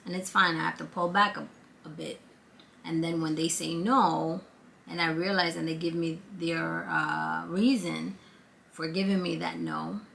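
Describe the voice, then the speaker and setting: Gravelly-voiced woman with a Brooklyn accent. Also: on the low side, pushed and bright, slight background noise. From born in Guatemala, lived in Brooklyn, New York for many years. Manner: earnest, encouraging, conversational. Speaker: vlog host, former counselor. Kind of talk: casual motivational chat to viewers.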